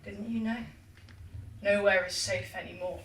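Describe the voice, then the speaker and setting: A woman's voice: medium pitch, steady tone, measured pace, recorded from a distance, lightly acted. A woman playing a menacing goddess who haunts dreams in a theatrical drama, taunting and commanding as if chanting a spell. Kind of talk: theatrical stage acting. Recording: echoey hall from afar, faint noise.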